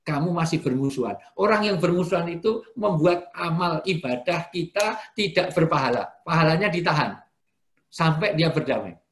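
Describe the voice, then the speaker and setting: A man preaching a sermon in an animated way, moving between loud and soft delivery. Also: on the high side, moderate pace. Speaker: Islamic preacher. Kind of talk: sermon for an online gathering. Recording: roomy echo.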